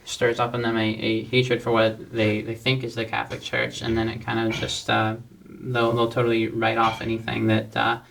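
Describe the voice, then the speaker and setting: A male talk-show host speaks in a gravelly voice with very little rise and fall in his pitch. He talks earnestly but haltingly and fills his pauses with um and uh. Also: completely flat delivery, fairly bright tone, a little hiss or hum, low-quality recording. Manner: earnest, halting, with many fillers. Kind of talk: casual talk-show discussion.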